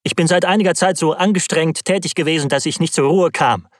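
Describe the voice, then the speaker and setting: A man's voice: a little high, a little fast, no echo, studio quality, voice pushed up, natural voice. A man voicing an overwrought young male scientist, strained and on edge after sleepless nights of work. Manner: tense, breaking into frantic cries.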